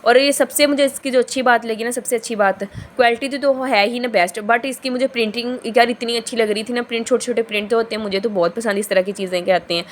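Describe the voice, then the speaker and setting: A young woman from Pakistan, a vlogger, chatting casually through a shopping haul in a hoarse, heavy voice from a sore throat, rambling and often correcting herself mid-sentence. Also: a little high, steady tone, quick pace, few pauses, a little hiss or hum.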